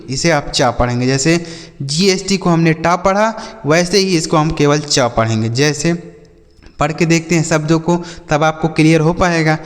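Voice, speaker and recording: A man's voice: on the high side, in a large hall. A male teacher giving a phonics lesson to learners he calls children. He keeps asking the class a question and then answering it himself. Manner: addresses learners as children and brother. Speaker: English teacher.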